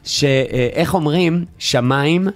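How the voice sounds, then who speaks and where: A man co-hosting a radio show, trading playful, teasing banter in casual chat. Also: on the high side. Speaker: radio co-host.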